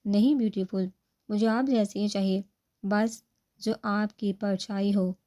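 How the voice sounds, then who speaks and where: A woman reading the part of a calm, teasing young man who reassures his friend, in a storybook narration. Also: medium pitch, lightly acted.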